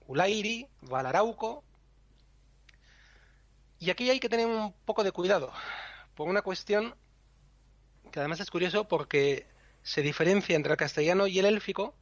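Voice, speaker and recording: A man's voice: high-pitched, no echo, dull audio. A man patiently explaining pronunciation rules on a podcast, spelling out syllables one by one. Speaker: podcast co-host teaching Elvish pronunciation.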